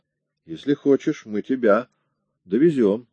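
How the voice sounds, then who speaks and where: A man's voice: medium pitch, a little slow, dark tone, breathy edge, no room sound, muffled recording, pitched above the performer's own voice. A man voicing a wry, cocky male police detective who keeps pressing with mocking questions.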